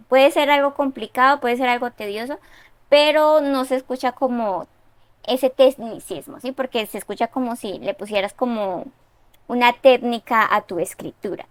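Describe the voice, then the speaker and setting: A woman's voice: on the high side, no echo. Chatty woman critiquing a story, dry close sound. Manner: conversational, with tag questions and fillers. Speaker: writing reviewer giving feedback. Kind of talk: casual spoken critique.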